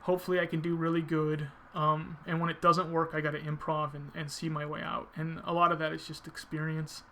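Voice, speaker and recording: A man's voice: fairly high pitch, level tone, fairly quick, gravelly, pushed and bright, slight background noise. A man giving casual video game commentary, thinking aloud informally as he explains his technique.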